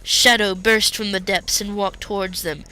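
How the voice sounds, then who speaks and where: A woman's voice: mid-range voice, fairly even intonation, moderate pace, bright, forceful tone. A woman reading fan fiction aloud in plain storytelling. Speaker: reader.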